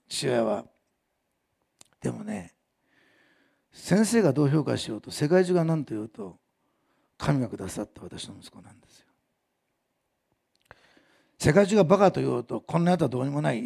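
A man preaching a sermon as a pastor, telling stories with animated delivery and acting out the people he quotes. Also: a little high, gravelly, slightly rough.

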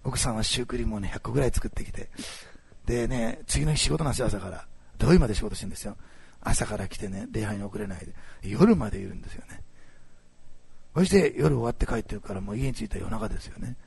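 A man preaching a sermon as pastor, telling a story with animated swings between loud bursts and hushed asides. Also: fairly low pitch, fast. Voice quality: gravelly, husky.

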